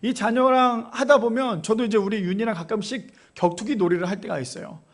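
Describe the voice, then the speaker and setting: High-voiced male pastor preaching. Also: fairly even intonation, a little fast. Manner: preaching with rhetorical questions, acting out God's voice in quotes. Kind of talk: sermon.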